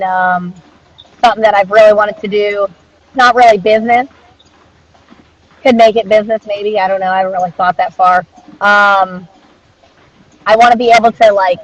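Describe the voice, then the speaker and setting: A woman's voice: medium pitch, no echo. A woman speaking as an interviewed dog trainer in a casual conversational style, earnest and reflective in an informal way. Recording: dull, muffled lo-fi audio.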